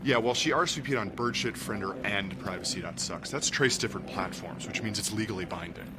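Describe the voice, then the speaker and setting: A man's voice: lowish voice, brisk, heavy background noise, natural voice. An actor playing a chatty young man rambling casually. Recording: loud outdoor ambience behind.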